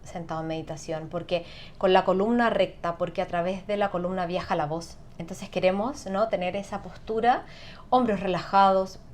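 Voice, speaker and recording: Lower-pitched woman, calm explainer tone, bit of background hiss. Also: moderate pace. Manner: calm, explanatory, frequent tag questions. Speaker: sound therapist guest. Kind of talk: conversational interview.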